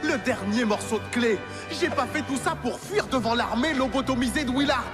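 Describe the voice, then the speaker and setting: A man playing a defiant, streetwise zombie fighter in a game cutscene, brash, slangy and confrontational, under loud music. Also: very high-pitched, normal speed. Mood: angry. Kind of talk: dramatic game cutscene acting.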